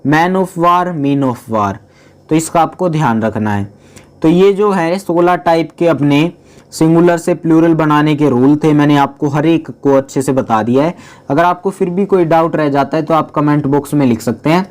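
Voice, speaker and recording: A man's voice: on the high side, a little mellow. A man teaching a grammar lesson, patiently explaining and often checking in with his students. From India. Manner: mixes in English terms, reads English lines slowly.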